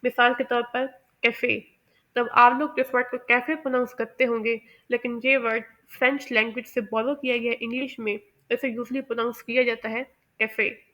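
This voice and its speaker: A woman with a fairly high voice gives a lesson on pronunciation. She explains step by step in a measured way and often stops to say "uh". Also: flat delivery, fairly bright tone. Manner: measured and explanatory, with many "uh" pauses. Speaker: English pronunciation teacher.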